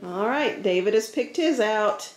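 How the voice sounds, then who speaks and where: A woman's voice: medium pitch, animated, measured pace. A woman hosting a casual family unboxing chat at home, chatty and thankful and often laughing. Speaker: family channel host, mother. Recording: roomy home room, faint noise.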